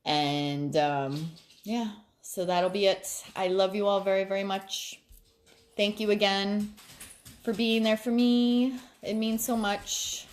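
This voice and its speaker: A middle-aged woman vlogging casually late at night, chatty and quick to laugh, then calm and reflective as she gives advice to her viewers. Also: mid-range voice.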